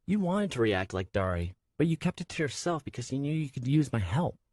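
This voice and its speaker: A man's voice: on the high side, sing-song, normal speed, a little mellow, no echo, clean studio sound, voice pushed up. A man doing timid young woman, Shara. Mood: somber. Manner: timid, sing-song, sometimes muttering. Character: shy, moody young woman who bursts into song. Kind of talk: audiobook character voice.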